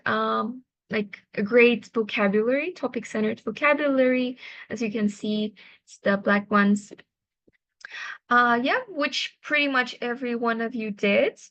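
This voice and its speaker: Slightly high-voiced woman teacher, patient, encouraging feedback. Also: fairly bright tone, no room sound, highs cut off. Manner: patient, encouraging, explains slowly. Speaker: English speaking teacher. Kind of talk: online class feedback.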